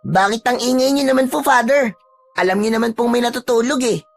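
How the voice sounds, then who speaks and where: A narrator voicing a curious, stubborn boy who pleads politely and excitedly. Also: a little high, brisk, gravelly, faint music behind, voice pushed up. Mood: eager.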